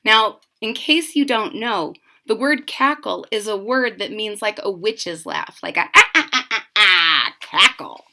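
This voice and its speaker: A woman reads a children's story aloud expressively, giving key words dramatic emphasis, drawing them out and adding explanatory asides. Her medium-pitched voice is bright and forceful. There is slight background noise.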